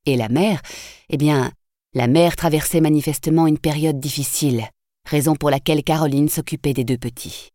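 A woman narrating a novel as an audiobook in a measured, even storytelling voice. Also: sits low, dry recording, studio quality.

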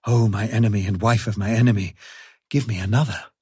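An eager wild male dog from a storybook, hungry and earnestly pleading, as a man acts him out. The voice is low and breathy. The recording is dry and close. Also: fairly even intonation, brisk, a little mellow, no room sound.

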